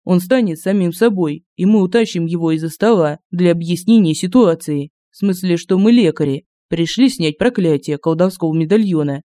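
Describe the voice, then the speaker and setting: A woman's voice: fairly low pitch, moderate pace, hardly any pauses, warm tone, no room sound, lightly acted. A woman reading an audiobook, voicing a young male thief who plans things decisively. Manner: decisive, businesslike. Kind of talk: audiobook character voice.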